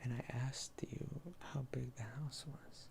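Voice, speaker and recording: A person in a whispered role-play as a therapist, explaining and reassuring gently in a halting, hesitant way. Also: mid-range voice, fairly even intonation, vocal fry.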